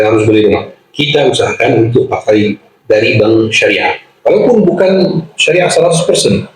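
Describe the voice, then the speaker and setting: A man's voice: medium pitch, a little hiss or hum. A man giving a religious lecture, earnest and emphatic, often repeating his key words. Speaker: preacher. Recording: echoey hall.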